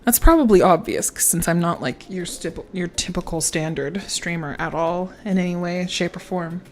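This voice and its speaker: A woman's voice: fairly low pitch, moderate pace, a little mellow, slight background noise. A woman streamer chatting casually on a livestream, swearing freely and often breaking into laughter. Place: standing at a home streaming setup.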